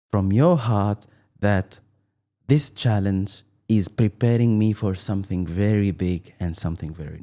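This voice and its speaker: A middle-aged Tunisian man, a content creator appearing as an interview guest, speaks with a fairly low, dark voice. He talks earnestly, restarting his sentences often and stressing his points with an emphatic "believe me."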